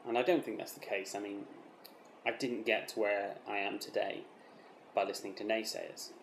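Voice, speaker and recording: A British man playing a self-important, defensive razor developer in a mock documentary interview, halting and repeating himself with earnest, deadpan false modesty. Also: on the low side, close to an everyday voice. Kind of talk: mock documentary interview, improvised-sounding monologue. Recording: roomy echo with faint background noise.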